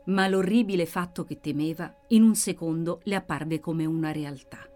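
Woman reading a story out loud, very dramatic, quiet music behind. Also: normal speed. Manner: expressive, with sharp swings in pitch and loudness. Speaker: audiobook narrator. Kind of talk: dramatic audiobook narration.

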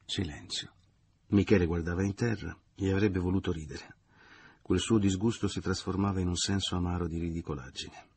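A man narrating a literary novel as an audiobook in a measured, expressive reading. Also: low-pitched, gravelly, slight background noise.

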